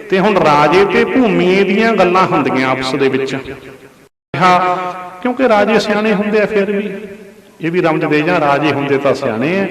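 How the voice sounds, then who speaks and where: Preacher guy telling a story, kinda high voice, far off mic in a big echoey hall. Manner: storytelling, animated, calls for congregation responses. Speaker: Sikh preacher. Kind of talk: gurbani katha sermon.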